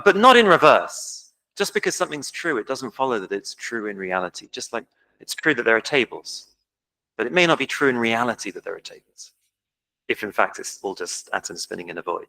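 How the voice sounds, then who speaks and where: In a roughly recorded clip, a man from England delivers an informal academic lecture at a conference hall. His medium-pitched voice is bright and forceful, and he fills his self-mocking talk with plenty of ums.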